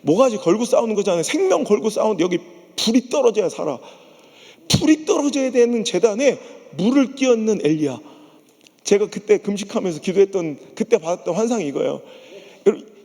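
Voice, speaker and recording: A man's voice: sits high, husky, big-room sound. A man from the region preaching a revival sermon in a church, telling stories with jokes and voicing the people in them. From Chungcheong region, Korea. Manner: animated, joking storytelling with impersonations. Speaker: pastor. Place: large church sanctuary.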